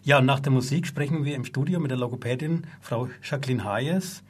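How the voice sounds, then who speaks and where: A man's voice: medium pitch, a little fast, breathy edge. A man co-hosting a radio talk show, speaking from the studio with frequent hesitant fillers.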